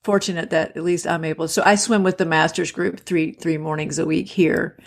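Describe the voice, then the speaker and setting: A woman's voice: low-pitched, steady tone, a little fast, vocal fry. A middle-aged woman from the United States talking in a chatty, anecdotal way as a guest in a casual podcast interview.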